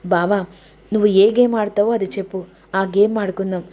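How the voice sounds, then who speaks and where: A woman's voice: medium pitch, fairly even intonation, fairly quick, warm tone, close to an everyday voice. A woman voicing a scheming young woman who coaxes and pushes to get her way. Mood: coaxing. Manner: coaxing, pushy.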